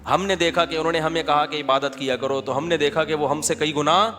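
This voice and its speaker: A man's voice: fairly high pitch, long reverb tail, slight background noise. A man with a Pakistani Urdu accent giving a conversational sermon, telling everyday anecdotes in a colloquial way and acting out the voices of the people in his stories. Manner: colloquial, acts out quoted voices, lively storytelling. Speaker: Islamic preacher.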